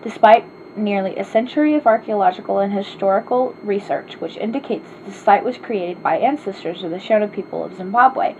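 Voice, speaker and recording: A woman with an Arkansas accent talks briskly at a medium pitch in a home vlog, answering questions. She rambles casually and makes fun of herself. The home recording is slightly dull, with a faint hiss.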